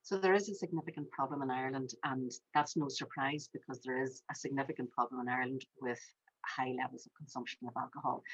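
A woman speaks as an interview guest through a degraded internet connection that leaves her voice muffled and lo-fi. Her delivery is even and measured, with very little rise and fall, and her tone is husky. The sound is dry, with no room around it. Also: extremely low pitch, no echo. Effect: degraded internet connection audio. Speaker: guest, charity chief executive. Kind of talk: interview answers over an internet call. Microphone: remote call. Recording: dull lo-fi dry call audio.

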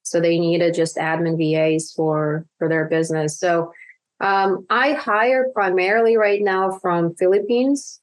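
A woman's voice: fairly low pitch, unhurried. A woman being interviewed on a podcast, chatting with lots of fillers and restarts. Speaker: guest, virtual assistant business owner.

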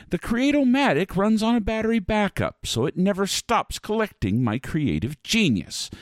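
A man playing a pompous, mischievous spooky dark ride narrator in a grandiose, scripted comedy show. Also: on the high side, dry recording, studio quality. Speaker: host of a horror dark-ride comedy podcast.

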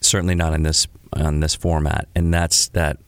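A man's voice: very deep voice, little pitch movement, normal speed, smooth, no echo, clean studio sound. A man co-hosting a music podcast in casual chat, explaining points earnestly and agreeing often. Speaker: podcast co-host.

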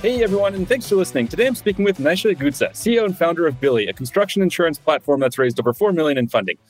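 A man's voice: on the high side, expressive, rapid-fire, faint music behind, rough recording. A man hosting an interview podcast, upbeat and asking short follow-up questions. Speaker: podcast host.

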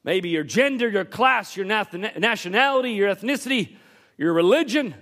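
Man, preacher, sermon, very high voice, lively swooping pitch, emphatic, church service. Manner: emphatic preaching with bursts of shouting and quick asides. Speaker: pastor.

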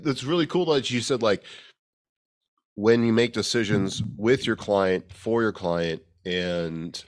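Deep-voiced rambling man. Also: takes it slowly. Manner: rambling, many restarts and fillers. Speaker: podcast co-host, fitness coach. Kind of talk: casual chat.

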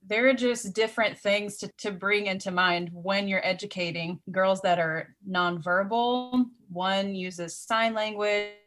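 A woman's voice: medium pitch, steady tone, unhurried, hardly any pauses, a bit bright. A middle-aged woman talking as a guest in a casual conversation, earnest and laughing often.

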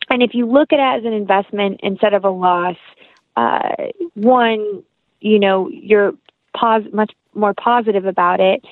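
Medium in pitch, the voice belongs to a young woman, an actress who is a podcast guest rambling through a casual chat in a sincere, heartfelt way. The sound is dry and comes through a tinny, phone-like line.

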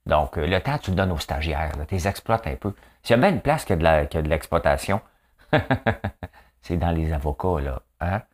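A deep-voiced Québécois host talks at normal speed with lively intonation and a nasal sound. His commentary monologue is relaxed and full of jokes, and he keeps dropping "hein" into his chatty delivery.

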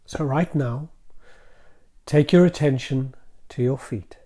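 A man guiding a calm grounding exercise in a gentle, soothing manner, leaving deliberate pauses between short phrases. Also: mid-range voice. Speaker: mindfulness practice guide.

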